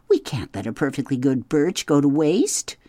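A reader voicing a practical, sharp-tongued female beaver who scolds her husband. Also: medium pitch, very animated, no echo, studio quality, pitched above the performer's own voice. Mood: scolding. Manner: brisk, scolding.

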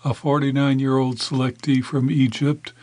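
Male news reader, steady scripted delivery, dry and close, mid-range voice. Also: medium pitch, normal speed, no room sound. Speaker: news narrator.

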